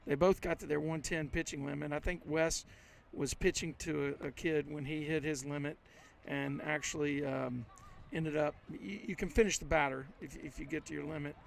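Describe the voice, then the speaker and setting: A man commentating on a high school baseball game in a folksy, chatty way, retelling last night's game with lots of restarts, recorded outdoors with faint street noise behind him. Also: vocal fry. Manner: folksy, animated storytelling with many restarts. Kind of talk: casual game-day commentary.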